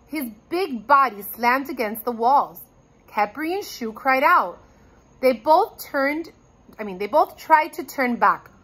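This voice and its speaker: A woman's voice: sits high, lively intonation, takes it slowly, fairly bright tone, husky, rough recording. A woman teacher reading a chapter book aloud to children, addressing them directly and expressively. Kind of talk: storybook read-aloud.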